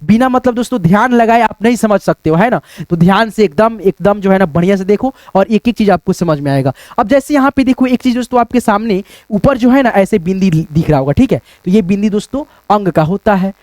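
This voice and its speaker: A man teaching a whiteboard lesson, spelling out letters slowly and checking in with listeners, sweating as he works. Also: sits high, a little mellow, no echo. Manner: repeats "friends" and tag questions, spells out letters slowly.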